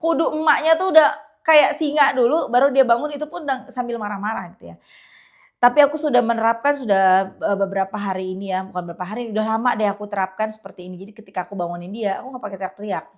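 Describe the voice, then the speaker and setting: Chatty woman, bright and lively. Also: a little high, fast talker. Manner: chatty, animated, slips into quoted prayers. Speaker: religious content creator. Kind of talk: casual motivational talk to viewers.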